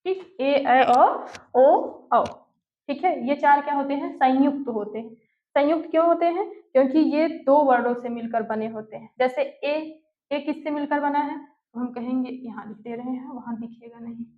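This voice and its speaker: A woman teacher giving an online class, slowly putting questions and answering them herself, and dictating notes word by word. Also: sits high. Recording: echoey room, tinny phone-like sound.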